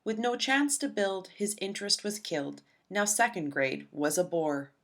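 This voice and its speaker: A woman narrating a rhyming children's storybook aloud in an expressive, rhythmic, dramatic way. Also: medium pitch, normal speed. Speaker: storybook reader.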